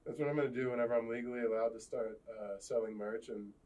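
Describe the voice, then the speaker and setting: A man hosting a casual chat, joking loudly and swearing between laughs. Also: medium pitch, steady tone, fast. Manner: loud, laughing, profane banter. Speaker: podcast host.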